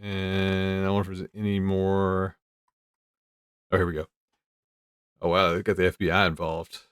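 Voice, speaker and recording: Male host, lower voice, amused casual news commentary, dry recording. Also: completely flat delivery, normal speed, a bit bright, clean tone, dry recording. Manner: amused, easily breaks into chuckles. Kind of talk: casual commentary while reading news aloud.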